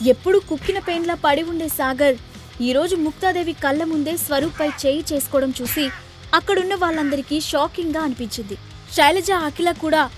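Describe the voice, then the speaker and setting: Female storyteller, high voice, expressive dramatic narration, faint music underneath. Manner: expressive, voices every character.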